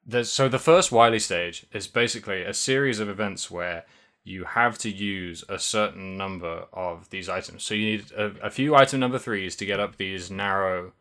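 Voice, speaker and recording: A young podcast co-host with a low, bright, forceful voice speaks at a normal speed during a casual chat about a video game. He tends to ramble, sometimes backtracking to correct himself and sometimes swearing.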